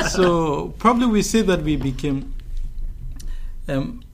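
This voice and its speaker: A man's voice: high-pitched, very animated, drawn-out words, heavy background noise. A young man from Ghana, a guest in a casual interview, talking hesitantly with many restarts and fillers. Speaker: guest, graduate student.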